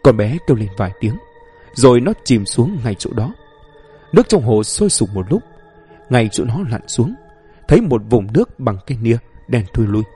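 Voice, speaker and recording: A man narrating a horror story in a steady storytelling voice. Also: mid-range voice, normal speed, husky, faint music behind.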